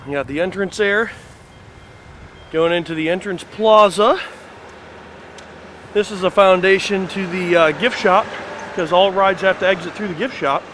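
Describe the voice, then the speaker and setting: A fan site video host with a fairly high voice strolls around an outdoor construction site, talking excitedly and rambling, with lots of "uh" to fill the gaps. A handheld camera picks him up, and traffic can be faintly heard outside.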